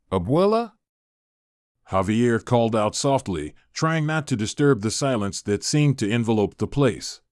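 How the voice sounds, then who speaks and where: Man narrating a spooky tale with lively pitch. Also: no echo, clean studio sound. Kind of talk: scripted horror story narration.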